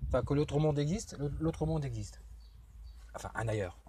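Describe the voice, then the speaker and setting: A man, a paranormal investigator speaking halting, stammering words to spirits outdoors during a ghost hunt. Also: fairly high pitch, background noise. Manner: halting, stammering, restarts often.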